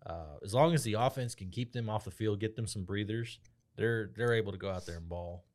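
A man co-hosting a sports podcast, tossing in quick wisecracks during casual chat. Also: on the low side, darkish tone. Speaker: podcast co-host.

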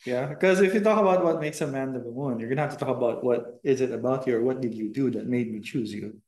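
A man's voice: mid-range voice, fast, a little mellow. A man as a podcast guest, confidently explaining his views with punchy lines in casual chat. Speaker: guest, host's boyfriend. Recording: echoey room.

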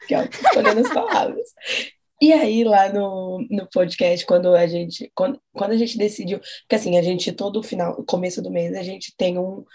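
Brazilian woman podcaster rambling on, mellow breathy voice, kinda nervous. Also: fairly low pitch, steady tone, moderate pace, hardly any pauses. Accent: Brazilian Portuguese. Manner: emotional, rambling, nervous laughter. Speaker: podcast co-host. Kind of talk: casual conversation.

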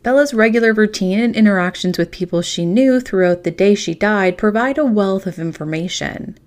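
A woman with a mid-pitched voice narrates as a podcast host. She reads from a script in a true crime style, with measured phrasing shaped for dramatic storytelling. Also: darkish tone.

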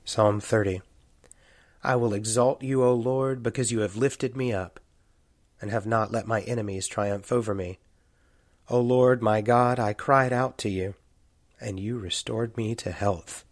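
A male priest reading psalms and introducing the readings in a calm, steady way. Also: on the low side, unhurried, no room sound. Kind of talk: scripture reading.

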